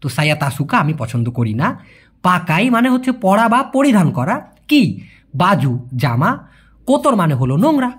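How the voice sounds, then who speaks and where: A man teaching a language lesson in a chatty way, drilling words slowly, repeating them and asking rhetorical questions. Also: high voice, very animated, a bit bright, slightly rough. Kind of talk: Bengali-language lesson teaching Malay phrases.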